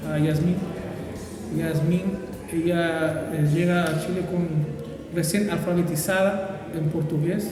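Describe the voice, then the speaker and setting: A pastor who grew up in Brazil, answering interview questions in a thoughtful, hesitant way with many fillers. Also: male voice, high-pitched, very echoey, in a large hall, recorded from a distance, poor audio.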